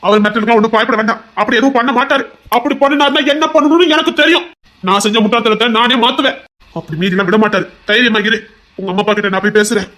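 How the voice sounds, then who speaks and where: A man's voice: very high voice, rapid-fire, pushed and bright. A man with a Tirunelveli Tamil accent playing a young male heart doctor, a possessive lover who pleads and turns to threats. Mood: anguished. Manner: pleading, insistent, turning threatening. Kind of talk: audio drama acting.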